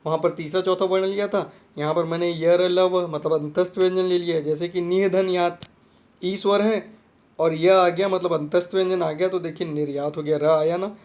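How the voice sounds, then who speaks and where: Male tutor with a high voice, patient and repetitive, explaining grammar for exam prep. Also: fairly even intonation, normal speed, a little mellow. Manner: repetitive, checks understanding with "theek hai friend". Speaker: teacher.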